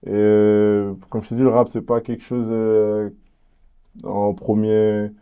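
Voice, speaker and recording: A young man from French Guiana with a French Guianese accent, a rapper chatting in an interview in a relaxed, hesitant way with many fillers. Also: lowish voice, slow pace, clear, resonant tone, muffled recording. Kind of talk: casual interview chat.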